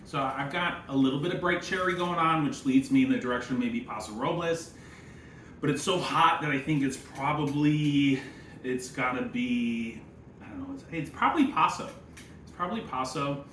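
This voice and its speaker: A man's voice: mid-range voice, moderate pace, fairly bright tone. Guy doing sommelier tasting notes, kinda wry and opinionated, lots of jargon, echoey room w a bit of background noise. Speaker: sommelier and presenter. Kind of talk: casual wine tasting commentary.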